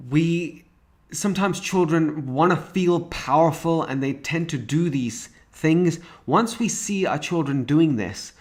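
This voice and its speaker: In this recorded course lecture, a man who teaches parenting speaks on the higher side of his range. His explanations are full of fillers and restarts as he moves step by step through stages and examples.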